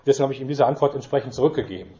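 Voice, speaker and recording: A man's voice: medium pitch, rapid-fire, warm tone. A middle-aged man telling stories in a chatty way, acting out the dialogue and using many fillers. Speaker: church representative giving a talk. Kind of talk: anecdotal storytelling talk. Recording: dull lo-fi recording.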